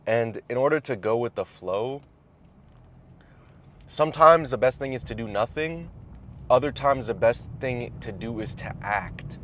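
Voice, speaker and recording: Young man, mid-pitched voice, mouth sometimes full, halting reflective advice, casual monologue, clear car noise. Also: expressive, fairly bright tone. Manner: talking while eating, mouth at times full; halting, thoughtful, pausing mid-phrase. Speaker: vlogger giving personal advice. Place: inside a car while driving. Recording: clear vehicle and road noise. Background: car and road rumble.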